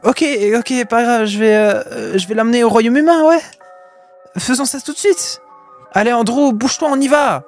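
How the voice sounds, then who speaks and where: A man voicing a frantic, manipulative young woman who pleads and yells in a shrill voice. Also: faint music behind. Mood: hurried. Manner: shrill, pleading, quick to yell.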